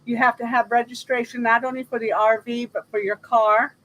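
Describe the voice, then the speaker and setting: A woman's voice: fairly high pitch, flat delivery, a little fast, a bit bright, dull audio. A woman hosting a casual live chat about everyday practical matters, speaking conversationally.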